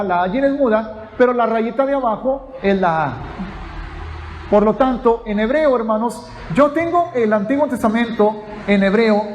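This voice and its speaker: A man's voice: sits high, a little mellow, slight background noise. A man teaching a sermon, explaining step by step and checking in with his listeners. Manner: explanatory, addresses listeners as brothers, asks "ok?". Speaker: pastor.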